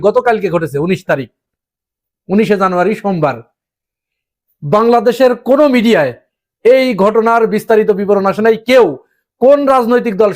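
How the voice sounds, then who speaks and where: A man's voice: sits high, darkish tone. A man delivering an emphatic opinion monologue on current events, asking the audience rhetorical questions. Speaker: political commentator.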